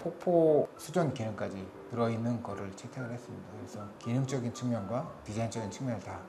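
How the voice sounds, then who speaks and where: Man, interior designer, fast matter-of-fact talk, echoey room, music behind. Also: mid-range voice. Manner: brisk, technical, matter-of-fact. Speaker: interior design company head. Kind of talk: explaining renovation details.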